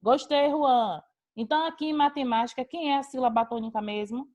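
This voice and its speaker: Woman, teacher, encouraging, online class, fairly high voice. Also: a little fast, a little mellow. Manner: encouraging, praising students by name. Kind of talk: online class on a video call.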